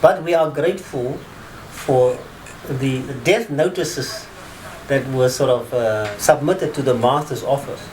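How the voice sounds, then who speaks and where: Background noise runs under this casual oral-history interview with a South African attorney in his fifties. His mid-range voice moves a little slowly as he rambles conversationally, peppering his talk with fillers such as "sort of."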